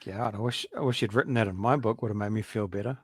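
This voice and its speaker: A man from New Zealand with a fairly low voice, recorded close and dry. He chats casually, swearing freely and mocking himself. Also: fast, husky, no room sound. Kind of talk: casual chat.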